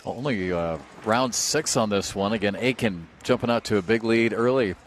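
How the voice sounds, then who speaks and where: A man's voice: fairly low pitch, normal speed, a little hiss or hum. A man co-commentating a cornhole tournament from a booth, reading viewer questions and teasing his partner. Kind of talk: casual sports commentary.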